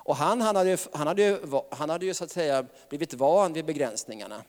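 A man's voice: fairly high pitch, lively intonation, a little mellow, in a large hall. A man preaching a sermon in a chatty style, often laughing and tagging his sentences with questions.

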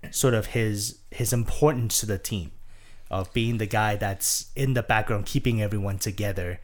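A man's voice: lowish voice, normal speed. A man co-hosting a podcast, chatting casually with many fillers and restarts. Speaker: podcast co-host. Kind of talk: casual chat.

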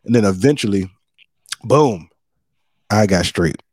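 A man hosting a casual comedy podcast, talking in a boastful, animated way with lots of emphatic trash talk. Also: on the low side, unhurried, slightly rough, dry recording.

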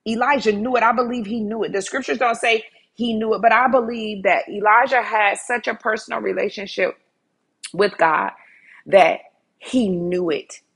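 Female preacher, breathy timbre, earnest sermon delivery with repeated emphasis. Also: medium pitch, steady tone, normal speed, a bit bright.

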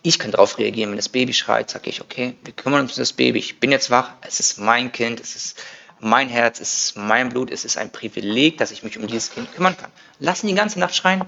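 A man in his thirties in a casual podcast conversation, energetic and acting out his own inner voice in quoted lines. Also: medium pitch, fairly quick, gravelly, highs cut off. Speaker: guest.

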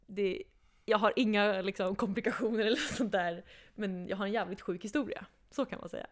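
A young woman recounts a wild night in an easy, conversational way. She moves quickly between narration and little re-enactments of dialogue, breaking into laughter now and then. Her voice sits at an ordinary middle pitch. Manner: animated, acts out quotes, laughs often. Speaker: podcast guest telling her story. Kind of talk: casual storytelling.

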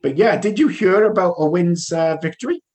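A man's voice: sits high, moderate pace, a little mellow. A man with a South Wales Valleys accent co-hosting a casual news discussion, chatty and often hesitating and rephrasing as he goes. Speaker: co-host.

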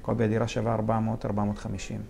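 A man's voice: fairly low pitch, monotone, vocal fry, dark tone, breathy edge. A man who is a real estate investor, a guest on an interview show, telling stories animatedly, laughing often and acting out the dialogue. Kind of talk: casual storytelling interview.

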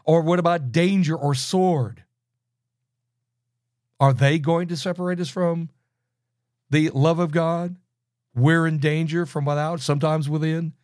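Man, Bible teacher, slightly high voice, dry close sound, rhetorical questions. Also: fairly even intonation, measured pace, long pauses, darkish tone, dry recording. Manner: conversational, many restarts, asks rhetorical questions.

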